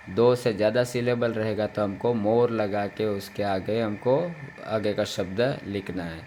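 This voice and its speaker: A man's voice: lowish voice, darkish tone, a little hiss or hum. A man teaching English grammar, explaining patiently and repeating each point with translations.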